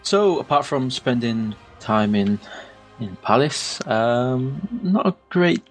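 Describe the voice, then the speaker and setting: A man's voice: mid-range voice, lively intonation, takes it slowly, soft background music. A man with a northern English accent co-hosting a casual gaming podcast, easygoing and a little hesitant, laughing at himself. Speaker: podcast co-host.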